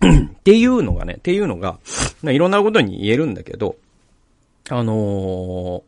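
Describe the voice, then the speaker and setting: A man's voice: on the low side, very animated, moderate pace, a little mellow. A man hosting a podcast, telling a rambling personal story with many fillers before turning to reflection on the Bible. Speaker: podcast host. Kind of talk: casual monologue leading into Bible reflection.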